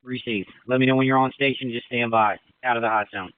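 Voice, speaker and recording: A man acting as incident commander, giving brisk, directive orders over a marine radio channel. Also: medium pitch, steady tone, clear, resonant tone, dry recording, phone-quality sound. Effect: marine radio transmission. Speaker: river branch incident commander. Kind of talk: emergency radio dispatch.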